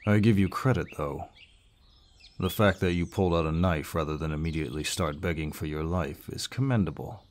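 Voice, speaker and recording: Lightly acted, a man's deep, darkish voice brings to life a big, gruff yet kindly barbarian warrior speaking to the listener in a scripted audio roleplay. He sounds amused and calming, pausing and sighing in a measured, reassuring way. Forest birdsong effects fill the background.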